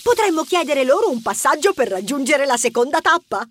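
A woman voicing a brisk, practical young female mouse in a children's storybook. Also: sits high, very animated, over loud music.

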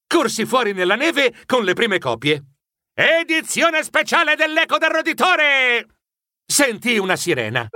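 A man narrating a children's story in an expressive, dramatic first-person style. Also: high-pitched. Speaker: audiobook narrator.

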